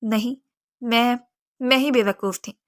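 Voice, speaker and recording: Woman doing a shy scared young girl, soft and hesitant, a bit high. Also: fairly even intonation, close to an everyday voice. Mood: ashamed. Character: timid frightened young woman, apologetic.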